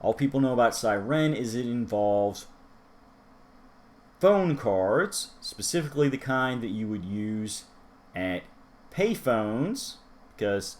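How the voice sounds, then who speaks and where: An American man who speaks English as his first language hosts a casual solo manga review, chatting away with asides to the viewer. His voice is on the low side and animated, moving at a measured pace. A little hiss or hum sits under the recording.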